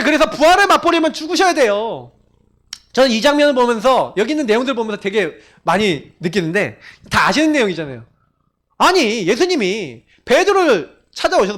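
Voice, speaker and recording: A man's voice: extremely high pitch, a bit bright. A male pastor preaching a sermon, telling stories with acted-out quotes and frequent rhetorical questions to the congregation.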